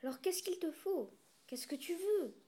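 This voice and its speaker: A woman's voice: very high-pitched, animated, measured pace, mellow. A woman reading a storybook aloud, voicing a worried old male goat farmer who pleads and scolds in exasperation. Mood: fretful.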